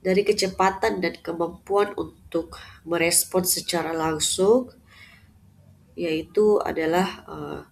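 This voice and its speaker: A woman giving a lecture in a measured way, often pausing on "eh" and ending points with "ya". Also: fairly low pitch, steady tone, vocal fry, slight background noise. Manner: measured, with frequent "eh" fillers and "ya" tags. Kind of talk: unscripted lecture.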